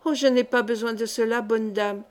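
Woman doing a sweet humble young girl, soft-spoken, highish voice. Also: fairly even intonation, moderate pace, close to an everyday voice. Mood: hopeful. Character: gentle poor young girl.

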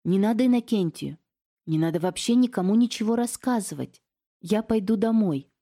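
A woman voicing a flustered middle-aged aunt who is evasive and frightened, talking in a high, strained voice. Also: lively intonation, normal speed, mellow. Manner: chattering falsely cheerful, then tearful and pleading.

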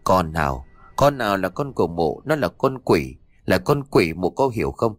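A man's voice: low voice, sing-song, moderate pace, no room sound, soft background music. A man voicing a stern male exorcist master in an audio story, scolding and giving orders.

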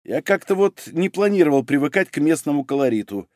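A man's voice: fairly high pitch, expressive, brisk, a little mellow, no room sound, studio quality, close to an everyday voice. A man reading the part of a whiny, grumbling male forensic expert who keeps complaining about the cold. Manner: whining, grumbling.

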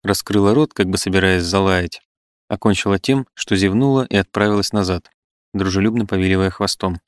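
A man reading a classic novel aloud in a measured, even narration. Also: deep voice, no echo, studio quality. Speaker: audiobook narrator. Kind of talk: literary audiobook reading.

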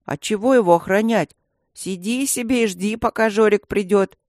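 A woman voicing a calm, meek schoolboy sidekick speaking matter-of-factly in a storybook. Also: medium pitch, normal speed, no room sound, clean studio sound, pitched above the performer's own voice, natural voice. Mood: placid. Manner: placid, matter-of-fact.

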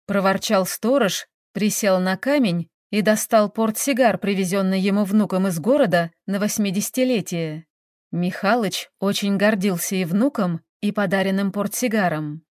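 Female storyteller, mid pitch, expressive reading, dry close mic. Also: dry recording. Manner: expressive reading, voices characters lightly. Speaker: narrator. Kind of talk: scripted narration of a village story.

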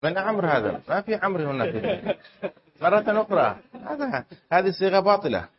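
A man teaching a class on Islamic law, quizzing students and repeating key terms slowly with emphasis. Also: high voice, big pitch swings, a crowd in the background. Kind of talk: classroom lesson with student exercise. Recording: dull lo-fi classroom recording.

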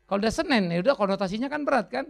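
Animated gravelly-voiced male pastor preaching. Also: sits high, very fast. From Indonesia. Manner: animated, switches into playful voices and English phrases. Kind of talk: sermon.

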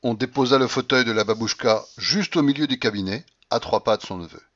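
A man reads a classic novel aloud as an audiobook narrator, measured and expressive in his literary narration. His voice is medium-pitched, and the audio sounds dull.

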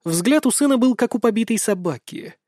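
High-voiced man narrating an audiobook. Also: lively intonation, brisk, a little mellow, dry recording, studio quality. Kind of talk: scripted narration.

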